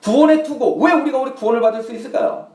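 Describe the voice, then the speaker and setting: A man's voice: extremely high pitch, very fast, darkish tone, roomy sound, recorded from a distance. A male pastor preaching a sermon, acting out the tempter's taunts in a mocking, questioning voice. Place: church sanctuary.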